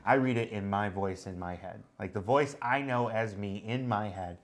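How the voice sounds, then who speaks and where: A man's voice: fairly low pitch, moderate pace, crowd noise. A man co-hosting a casual chat, explaining ideas at length and thinking aloud with many fillers. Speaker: co-host.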